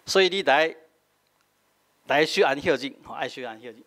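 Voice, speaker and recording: In this teaching sermon, a middle-aged Taiwanese-accented pastor explains scripture, switches between Taiwanese and Mandarin, and keeps dropping in a filler "hah." His voice is on the high side, animated and fairly bright, at a normal pace.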